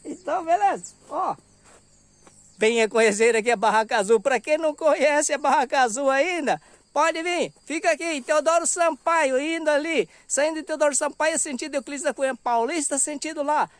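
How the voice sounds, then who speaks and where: Chatty high-voiced man vlogging. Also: normal speed, no echo. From Brazil. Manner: chatty, laughs often, keeps saying "rapaz" and "ó". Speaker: vlogger showing a roadside vegetable stand. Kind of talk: casual walk-around vlog. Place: outdoors at a roadside stand in hot afternoon sun.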